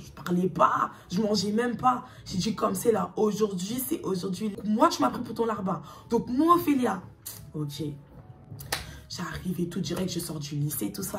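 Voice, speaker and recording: A young woman telling a personal story to her viewers in a casual, animated, slangy and emphatic way. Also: lowish voice, creaky, recorded from a distance.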